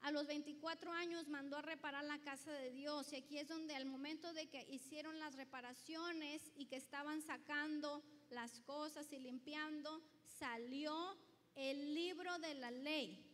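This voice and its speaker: A woman's voice: sits high, steady tone, measured pace, a bit bright, a little hiss or hum. A woman preaching a sermon to her congregation, reading scripture aloud and putting questions to the listeners. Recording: long reverb of a large hall.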